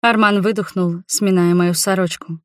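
A woman narrating a novel in the first person with an expressive, emotional reading. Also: on the low side, normal speed, dry recording, studio quality. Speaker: audiobook narrator.

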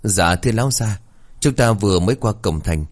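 Brief: deferential servant coachman, read by a male narrator, low and respectful. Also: lively intonation, moderate pace.

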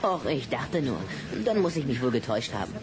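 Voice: mid-range voice, sing-song, a little fast, a crowd in the background, natural voice. An actor playing a cheeky young vampire boy who teases with a hint of menace, in a German children's radio play. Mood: sly, teasing. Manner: teasing, impudent.

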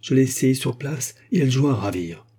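A man's voice: medium pitch, expressive, fairly quick, mellow, breathy edge, voice pushed up. A man voicing a deferential male servant.

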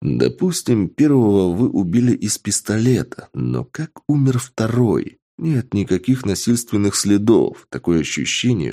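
A man voicing a tired, irritated middle-aged male investigator with a stern, gruff way of questioning, in an audiobook. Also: fairly low pitch, mellow. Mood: probing. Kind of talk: audiobook character voice.

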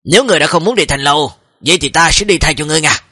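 A man's voice: fairly high pitch, very fast, sharp tone, husky, dry recording, studio quality. A man voicing a sly, easygoing young male cultivator with a breezy, teasing way of talking.

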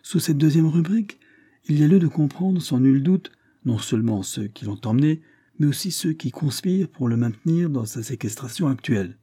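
A man's voice: on the high side, expressive, normal speed, dark tone, breathy edge, pitched above the performer's own voice. A man voicing a cool, exacting detective who speaks with cold precision in an audiobook reading. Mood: insistent.

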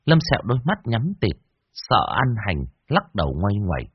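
A man telling a horror story with vivid, expressive narration. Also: on the low side, normal speed, muffled recording, background noise.

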